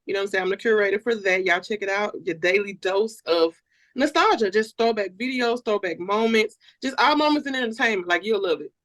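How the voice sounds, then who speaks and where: A woman's voice: mid-range voice, brisk, fairly bright tone. An American woman chatting casually as a talk show guest, informal and slangy with repeated tag phrases. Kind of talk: casual chat.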